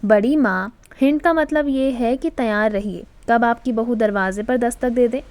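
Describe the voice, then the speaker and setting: A playful young girl, clinging to her aunt and dropping hints, as a woman narrator plays her. The voice is fairly high and dry, recorded close. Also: normal speed, a little mellow, no echo, close to an everyday voice.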